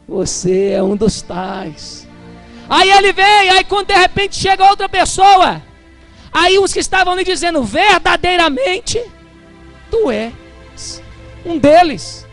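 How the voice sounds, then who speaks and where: A man with a Brazilian Portuguese accent preaching a Pentecostal sermon, moving from chatty storytelling to fervent shouting. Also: extremely high pitch, creaky.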